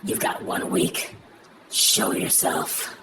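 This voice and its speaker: A man voicing a menacing male wrestler who cuts a threatening promo in a breathy, hissed delivery. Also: slow, recorded from a distance, lightly acted.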